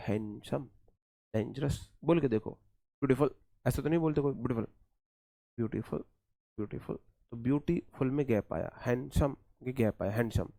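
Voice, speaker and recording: A man teaching English grammar for exam preparation, repeating words slowly and calling his students "brother". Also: fairly high pitch, a little mellow, no echo, studio quality. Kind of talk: exam-prep lecture.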